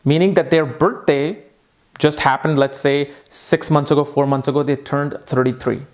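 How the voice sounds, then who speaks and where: A man explaining a lesson with eager emphasis, his voice sitting a little on the high side. He repeats key points to drive them home. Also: fairly even intonation, moderate pace. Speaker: astrology teacher.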